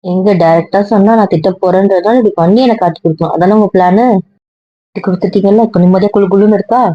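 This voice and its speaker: A woman's voice: mid-range voice, steady tone, fast talker, no room sound, close to an everyday voice. A woman playing an exasperated young wife in an amateur audio drama, reproachful and pleading with her husband. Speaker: wife character. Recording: dull, dry lo-fi recording.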